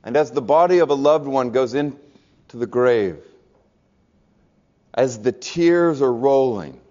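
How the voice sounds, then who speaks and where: A man preaching a sermon earnestly, often dropping to a near hush for emphasis. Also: mid-range voice, animated, a little slow. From American South. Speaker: pastor. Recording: dull lo-fi recording.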